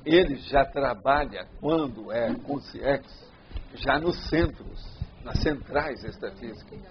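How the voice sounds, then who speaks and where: A man with a Brazilian Portuguese accent and a mid-range voice answers audience questions slowly during a loose, rambling informal lecture, frequently checking that he's understood. The lo-fi recording sounds dull, with a bit of hiss or hum.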